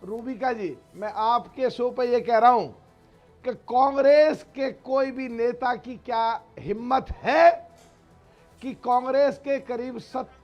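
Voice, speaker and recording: A man's voice: very high-pitched, fairly even intonation, takes it slowly, a little mellow, faint music behind. A man arguing insistently as a panelist in a heated TV debate, repeating words for emphasis. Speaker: political panelist.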